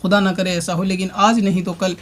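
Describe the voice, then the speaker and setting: A man with a high-set voice that stays level and barely rises or falls. He talks through a long rebuttal as a religious commentator, speaking straight at his opponent. He keeps circling back to the same points. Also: flat delivery, slight background noise. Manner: argumentative, addresses his opponent directly; explains at length with repeated points. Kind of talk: spoken rebuttal monologue.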